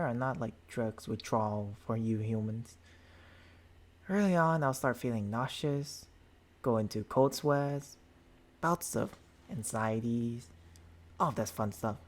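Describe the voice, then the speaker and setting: At medium pitch and lightly acted, a man portrays a gentlemanly vampire boyfriend in a grave, explanatory mood for intimate ASMR roleplay. He speaks haltingly into a close binaural mic, husky and breathy, with formal endearments.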